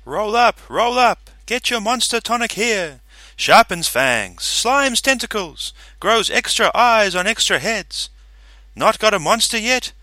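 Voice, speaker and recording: A man voicing a loud male salesman hawking wares like a carnival barker, in an audiobook reading. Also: expressive, unhurried, no echo, full character voice. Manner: booming sales pitch.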